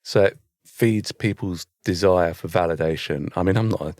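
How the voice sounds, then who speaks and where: A British podcast co-host with a fairly low, darkish voice chats casually at a moderate pace, rambling with bemusement and often searching for the right word. The recording is close and dry, with no echo.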